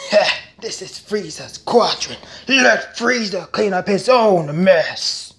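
A man's voice: high-pitched, lively intonation, slow, fairly bright tone, voice pushed down, heavily acted. A man voicing an arrogant, wrathful alien warlord from an anime. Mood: contemptuous.

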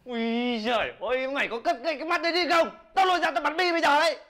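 A man's voice: very high voice, quick pace, bright, forceful tone. A young man, acting a brash, bossy friend in a comedy sketch. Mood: scolding. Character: cocky young man, loud bully of a friend. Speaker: actor.

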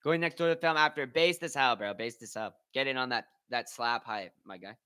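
A man's voice: mid-range voice, brisk, pushed and bright, clean tone. A man hosting a live watch-party stream, commenting casually in loose slang and reading out and answering his chat.

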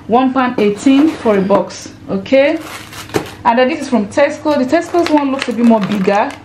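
A lifestyle vlogger and mum with a fairly high, slightly mellow voice narrates a casual grocery haul, walking around a table of groceries in her home kitchen. She counts items aloud and keeps addressing her viewers as "guys." The audio is poor, with a faint hum of room noise behind her.

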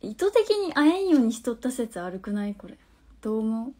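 A young woman in her twenties speaking with a Hakata dialect, her voice sitting a little on the high side. She chats casually into her phone on a live stream, reading out viewers' comments and answering them, now and then sinking into soft, near-whispered asides. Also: big pitch swings, a little fast. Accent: Hakata dialect of Fukuoka.

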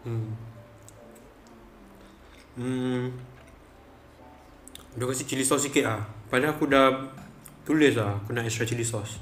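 A man's voice: mid-range voice, a little slow, long pauses, a bit bright, roomy sound, a little hiss or hum. A Malaysian man in a casual eating vlog, chatting to viewers with his mouth full and mixing in English words. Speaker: mukbang vlogger.

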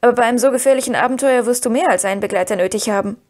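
A woman reading the part of Pippin, a cheeky young male hobbit with a teasing, lively way of talking. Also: a little high, racing, lightly acted. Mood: insistent.

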